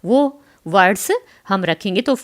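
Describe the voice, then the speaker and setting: Slow, lively-voiced woman teacher. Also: medium pitch. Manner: spells out words letter by letter, then says them slowly; reads English lines slowly, then explains them in Hindi. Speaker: English teacher. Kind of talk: online school lesson.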